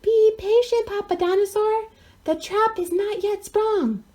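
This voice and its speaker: A woman's voice: extremely high pitch, measured pace, mellow, pitched above the performer's own voice. A woman voicing a sly, hungry mama dinosaur in a storybook, arch and falsely sweet. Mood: scheming.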